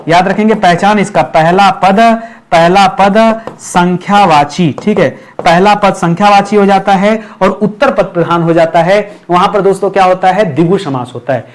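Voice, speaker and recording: A man's voice: high-pitched, moderate pace, few pauses. A man teaching a grammar lesson for exam preparation, repeating key terms and checking in with his listeners.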